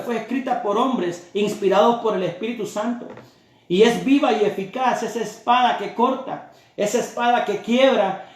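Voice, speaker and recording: A high-pitched male preacher delivers a sermon, hammering his points home through steady repetition. His voice rings through a very echoey room. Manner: emphatic, repetitive preaching cadence.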